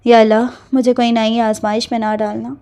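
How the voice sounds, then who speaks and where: A woman's voice: fairly high pitch, flat delivery, warm tone, clean tone, lightly acted. A woman voicing a caring young woman who soothes her friend and prays earnestly in a storybook reading. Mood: prayerful. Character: caring young woman, elder-sister type.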